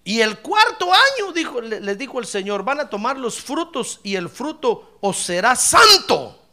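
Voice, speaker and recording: A man preaching a sermon to his congregation, addressing them directly and breaking into loud shouted praise. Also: very high voice, sing-song, a little slow.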